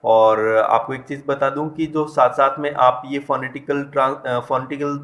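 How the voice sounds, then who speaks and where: A man's voice: medium pitch, fairly even intonation, normal speed, fairly bright tone, muffled recording. A man teaching English vowel sounds, explaining step by step, stressing example words and often correcting himself. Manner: explains step by step and addresses students directly; frequent hesitations and self-corrections. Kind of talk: online lesson.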